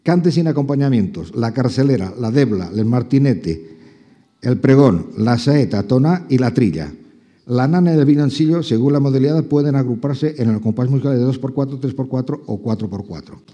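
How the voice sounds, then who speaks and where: Man, husky voice, lecture, counting and humming rhythms. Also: mid-range voice, normal speed, mellow. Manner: counts beats aloud and hums rhythms. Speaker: flamenco guitarist giving a talk. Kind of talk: spoken lecture on flamenco rhythm.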